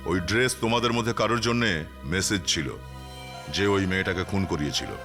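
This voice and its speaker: A stern police detective in a TV crime drama, acted by a man. His voice sits fairly low and he questions insistently. Clear background music plays underneath. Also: expressive, fast talker, close to an everyday voice. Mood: stern, probing. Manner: probing, insistent. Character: stern male police detective pressing suspects. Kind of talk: Indian TV crime drama acting.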